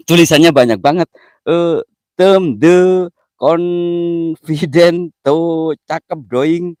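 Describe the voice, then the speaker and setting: A man's voice: on the high side, extremely slow, darkish tone, clean tone, no echo. A man hosting a casual live stream, giggly and easily flustered, mixing slang with broken English.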